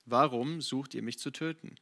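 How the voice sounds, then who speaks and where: A calm male teacher who speaks with slow, earnest authority, as a man reads him aloud. The voice sits at a middle pitch and stays in the reader's own everyday tone. It is a plain Bible reading with no put-on character. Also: creaky.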